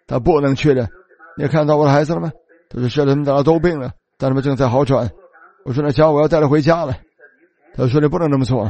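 A man's voice: medium pitch, dark tone. A male preacher giving an earnest first-person sermon testimony, often starting sentences with a filler word and voicing the people he quotes.

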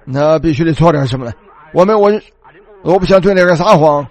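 A male preacher telling a story in a sermon, animated and repetitive, retelling dialogue as he goes. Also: a little high, fast.

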